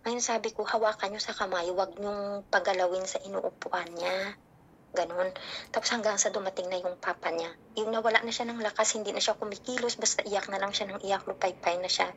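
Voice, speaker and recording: A woman's voice: mid-range voice, brisk, slight background noise. A middle-aged woman, casually telling a story about her child and acting out what people said. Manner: animated storytelling, acting out dialogue.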